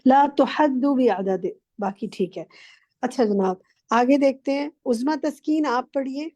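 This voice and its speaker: A woman teaching an online class, patiently correcting students' recitation and drilling pronunciation slowly. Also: sits high, warm tone, dry recording, lo-fi sound. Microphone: video call.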